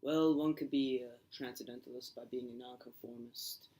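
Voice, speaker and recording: A young man playing an earnest old male philosopher in an amateur school skit, talking haltingly with many ums while reciting his lines. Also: medium pitch, steady tone, dark tone, lightly acted, low-quality recording.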